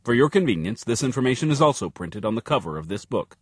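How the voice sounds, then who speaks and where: A man's voice: medium pitch, big pitch swings, fast talker, no room sound, clean studio sound. A man reading a scripted promotional announcement as an ad announcer. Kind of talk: scripted ad read with ordering details.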